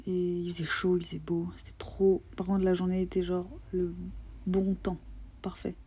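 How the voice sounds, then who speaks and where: A woman's voice: fairly low pitch, level tone, normal speed, warm tone, breathy edge. A young woman co-hosting a travel podcast, telling the trip with teasing, sarcastic banter. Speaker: podcast co-host. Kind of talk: casual travel chat.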